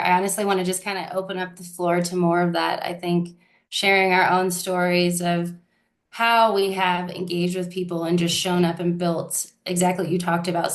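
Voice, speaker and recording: A woman moderating an online panel, thanking speakers and inviting more stories in an encouraging tone, heard over a video call. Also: on the low side.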